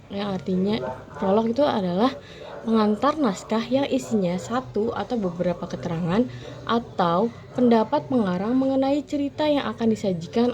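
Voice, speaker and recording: A woman reads lesson material in a mellow, warm voice at an ordinary pitch. She works through definitions steadily, now and then pausing on a filler. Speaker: presenter.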